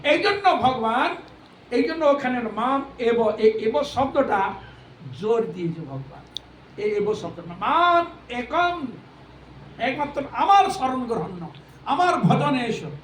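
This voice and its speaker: A man's voice: very high-pitched, very animated, measured pace, a bit bright. A man giving a devotional sermon, asking rhetorical questions, repeating phrases for emphasis and breaking into sung verses. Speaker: preacher. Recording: echoey hall, mic at a distance, faint noise.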